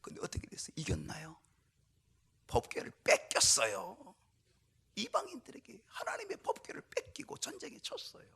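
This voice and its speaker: High, bright, emphatic male preacher. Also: huge pitch swings, moderate pace, gravelly, slightly rough. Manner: emphatic, swinging from loud exclamations to whispers. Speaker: pastor. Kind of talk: sermon. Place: church sanctuary.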